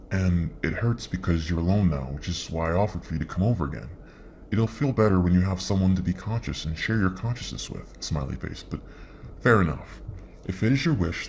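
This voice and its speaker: Low-voiced man reading both sides of a chat log aloud, quiet and even, faint hiss behind. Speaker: reader.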